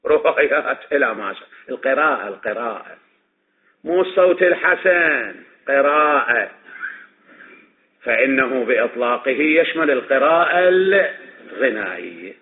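A man with an Iraqi Arabic accent teaching a classroom lecture on religious legal reasoning, posing questions and answering them himself, repeating his points. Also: mid-range voice. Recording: tinny phone-like recording with faint noise.

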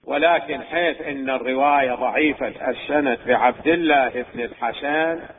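A man teaching religious law in a scholarly lecture, measured and deliberate, posing questions and answering them himself. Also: medium pitch, slightly rough. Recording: tinny phone-like recording.

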